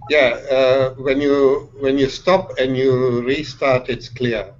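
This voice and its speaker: A man taking part in an online seminar, calmly and slowly explaining over a video call. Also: medium pitch. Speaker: seminar participant. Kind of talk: casual talk on a call. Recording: dull lo-fi video call audio.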